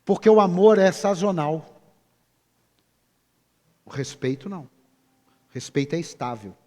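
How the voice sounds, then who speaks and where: Emphatic Brazilian preacher in a reverberant church hall. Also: male voice, sits high, lively intonation, unhurried, dark tone. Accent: Brazilian Portuguese. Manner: emphatic, addresses the congregation with rhetorical questions. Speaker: pastor. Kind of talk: sermon.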